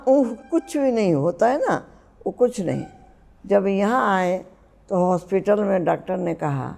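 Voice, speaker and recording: Slow gravelly elderly woman. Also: fairly low pitch, warm tone. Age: 70s. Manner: slow, reflective storytelling. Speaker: spiritual teacher. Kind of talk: personal storytelling.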